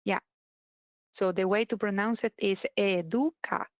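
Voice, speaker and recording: A woman with a Spanish accent, Spanish native, co-hosting a live stream in relaxed chat and often pausing to find words. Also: medium pitch, no echo. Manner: relaxed, searching for words, frequent "eh" fillers. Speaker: co-host.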